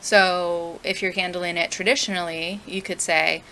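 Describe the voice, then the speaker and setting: Bright-voiced woman giving parenting advice. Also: on the low side, little pitch movement, moderate pace, a little hiss or hum, poor audio. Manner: earnest, conversational, asks the viewer questions. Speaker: parenting educator. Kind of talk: direct-to-camera parenting advice.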